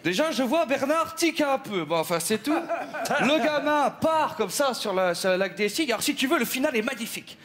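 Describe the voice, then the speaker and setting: A man's voice: very high-pitched, animated, moderate pace, a bit bright. A man playing a chatty gossiping housewife. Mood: gossipy. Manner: rambling, full of "hein" and asides. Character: chatty gossiping housewife, middle-aged woman. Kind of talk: stage comedy sketch.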